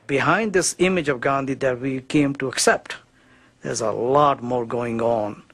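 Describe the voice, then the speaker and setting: A man's voice: medium pitch, measured pace, a bit bright. A man giving an interview as a researcher, speaking in an earnest, accusatory way.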